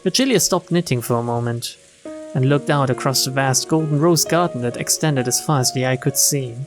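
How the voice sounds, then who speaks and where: Reading visual novel narration and dialogue in a dramatic storytelling style, a man streams a game with music playing behind him. His voice is medium-pitched and a little fast.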